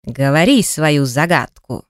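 A lumbering, slow-witted swamp troll booms out his broken phrases, every word stretched long, as a woman reader acts him out. The voice sits higher and louder than her usual reading and sounds oddly unlike her own. The recording is dry and close. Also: expressive, no echo. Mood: bellowing. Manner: slow, drawn-out broken speech. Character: hulking dim-witted male swamp troll. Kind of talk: audiobook character voice.

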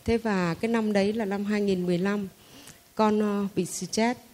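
A woman's voice: mid-range voice, fairly even intonation, normal speed, darkish tone. A middle-aged woman shares a personal spiritual testimony as a Buddhist lay follower, speaking in a heartfelt, conversational way with hesitant fillers.

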